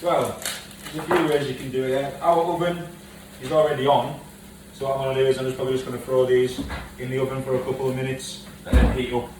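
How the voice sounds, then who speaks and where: A man's voice: mid-range voice, little pitch movement, fast. A man casually explaining a recipe step by step in his home kitchen. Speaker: co-host of home cooking video. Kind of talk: casual cooking instruction. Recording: echoey kitchen, mic far off, noisy.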